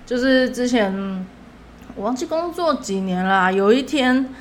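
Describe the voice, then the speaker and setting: A woman's voice: a little high, expressive, a little slow. Chatty Taiwanese woman telling a story. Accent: Taiwanese Mandarin. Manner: chatty, laughing, acts out dialogue. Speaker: podcast host. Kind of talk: casual storytelling.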